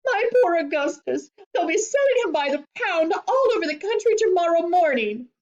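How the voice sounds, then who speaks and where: Woman acting a shrieking, hysterical storybook mother, very high-pitched. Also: sing-song, a little fast, gravelly, warm tone, recorded from a distance, highs cut off, exaggerated voice. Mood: outraged. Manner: screaming, frantic, scolding. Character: hysterical, shrieking, indignant middle-aged mother.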